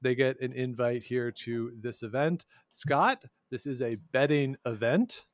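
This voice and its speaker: A man's voice: medium pitch, unhurried, dry recording. A man co-hosting a casual sports podcast, talking with wry sarcasm and chuckling asides. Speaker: podcast co-host.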